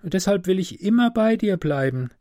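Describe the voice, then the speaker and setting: A man's voice: high voice, animated, normal speed, mellow, no echo, studio quality, pitched above the performer's own voice. A man reading a storybook aloud and voicing a loyal, kind-hearted female swallow in a raised, pleading voice.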